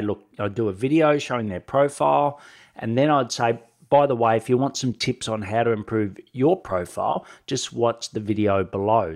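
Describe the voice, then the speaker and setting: A middle-aged man with a somewhat mellow, mid-range voice sounds nasal from a head cold. Hosting a solo podcast as a sales coach, he gives conversational advice straight to the listener, often checking in with tag questions like "right?".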